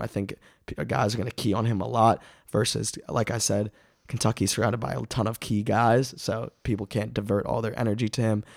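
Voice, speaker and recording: A man hosting a casual sports preview podcast, his voice raspy as he is under the weather with a cough. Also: fairly low pitch, darkish tone, no echo, studio quality.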